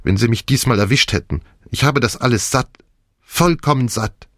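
Feverish young woman, defiant and weary, pitched high as a male reader puts her on, dry close sound. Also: big pitch swings, a little fast, no room sound.

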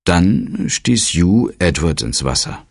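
A man voicing a calm, guarded sixteen-year-old schoolboy in an audiobook. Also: sits low, slow, vocal fry, slightly rough, no room sound, clean studio sound, voice pushed up, heavily acted. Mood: explaining.

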